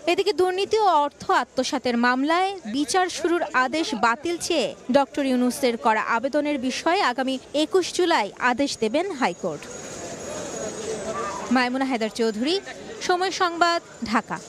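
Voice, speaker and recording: A woman news reporter delivering a formal, crisp report. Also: sits high, expressive, normal speed, a crowd in the background.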